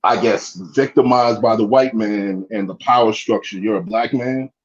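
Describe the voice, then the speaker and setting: Over muffled lo-fi phone audio, a man with a lowish voice speaks at normal speed. He's a guest caller offering heated, casual commentary, rambling in a fired-up way and repeating his points along with "you know what I mean."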